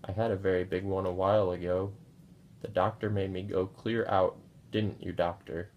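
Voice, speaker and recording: A man voicing a tired woman in labor who stays cheerful, her voice strained, weary and apologetic, with a low flat gravelly tone. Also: normal speed, muffled recording, slight background noise. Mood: tender. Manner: weary but affectionate, apologetic.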